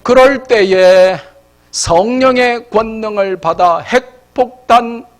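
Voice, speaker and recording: A middle-aged man with a Gyeongsang Korean accent, preaching a sermon as pastor, with emphatic delivery that swells loud when he reads scripture. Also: high voice, takes it slowly. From South Korea.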